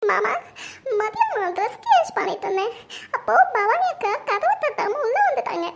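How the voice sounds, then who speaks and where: A woman acting as a hurt young wife in a family drama, her voice pitched extremely high and pleading through tears. The recording sounds dull and lo-fi, with its highs muffled. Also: sing-song, moderate pace, vocal fry, heavy background noise, full character voice. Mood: tearful. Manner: tearful, pleading.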